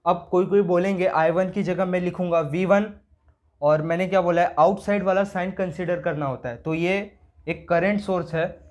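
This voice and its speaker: A man's voice: high voice, a little mellow. A man teaching circuit analysis, working through each step casually and asking himself questions as he goes. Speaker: engineering teacher. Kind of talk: explaining circuit problems on a board.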